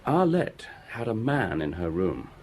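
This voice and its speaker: In a radio drama, an actor plays a diligent local police inspector who reports his findings in a brisk, matter-of-fact way. His voice is lowish and very animated.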